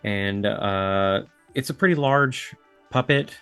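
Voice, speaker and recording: A man's voice: on the low side, slow, fairly bright tone, smooth, soft background music. A man speaking as a podcast guest, explaining things in an easygoing, casual way. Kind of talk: casual chat.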